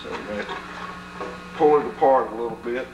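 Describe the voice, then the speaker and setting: Lo-fi camcorder audio with heavy background noise carries a fast-talking man's mid-range voice. He films home movies for the family, chatting loosely and explaining things one step at a time through the built-in mic.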